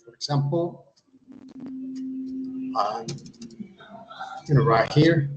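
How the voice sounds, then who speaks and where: A man who teaches English, giving a step-by-step tutorial in a halting way, often repeating words and adding uh. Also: medium pitch, highs cut off. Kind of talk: instructional tutorial.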